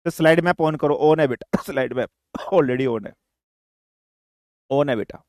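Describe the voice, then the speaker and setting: In a dry recording, an older physics teacher speaks online in a slightly high, darkish voice at a measured pace. His throat is dry, and he repeats questions, calls students beta, and switches between Hindi and English.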